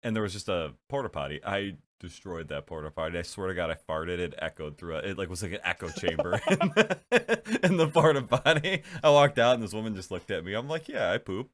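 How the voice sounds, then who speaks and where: Stuffed up from allergies, a young man hosts a casual podcast chat, rambling along with plenty of fillers and giggles. His voice is low and a bit bright, with a brisk, sing-song delivery.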